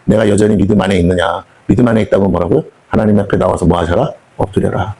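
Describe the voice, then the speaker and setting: A man's voice: low voice, steady tone, quick pace, vocal fry, warm tone. A middle-aged man preaching at a prayer meeting in a conversational way, often putting questions to the congregation and acting out what other people say. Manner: conversational, asks the congregation questions and acts out quoted speech. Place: prayer house hall.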